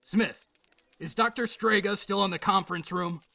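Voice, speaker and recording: An actor playing an exasperated, sceptical middle-aged police boss in an audio drama, with a gravelly rasp and a brusque, sarcastic beat-cop bark. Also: male voice, high voice, moderate pace, sharp tone, heavily acted. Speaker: police commander.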